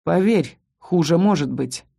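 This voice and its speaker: A woman's voice: fairly low pitch, animated, unhurried, vocal fry, mellow, pitched below the performer's own voice, exaggerated voice. A woman voicing an icy, snarling villain count. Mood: cold. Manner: irritated, icy, snapping. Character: cruel cold male count, villain.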